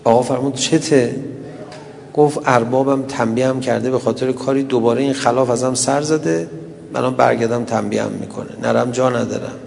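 A man's voice: mid-range voice, fairly even intonation, creaky, a little mellow, big-room sound, a little hiss or hum. A man preaching a sermon and retelling stories, tender at first and rising into mournful lament. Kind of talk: religious sermon with storytelling and lament.

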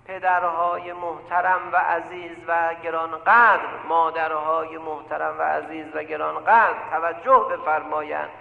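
A man's voice: a little high, creaky, few pauses, narrow, tinny audio. A man preaching a sermon from a pulpit, telling stories and turning to his listeners again and again, repeating phrases for emphasis. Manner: animated, often addresses the listeners directly as "sir". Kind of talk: sermon with storytelling. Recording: echoey hall with long reverb.

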